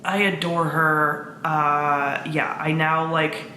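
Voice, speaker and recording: Slow and low, with little pitch movement yet a pushed, bright tone, a book-reviewing video host gushes in informal chat to camera, dropping the occasional mild curse. Echo and faint background noise are present.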